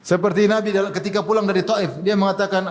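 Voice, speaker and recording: A man giving a sermon in a lively, joking teaching manner, now and then acting out prayers. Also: sits high, fast, big-room sound. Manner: humorous, lively teaching with jokes and acted prayers. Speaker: preacher.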